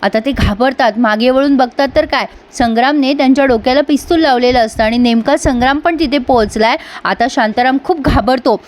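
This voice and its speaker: Woman with a high voice doing a lively episode recap, talks right to her viewers, chatty and quick to react. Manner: lively retelling, addresses viewers directly. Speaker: serial recap reviewer. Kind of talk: casual spoken episode recap.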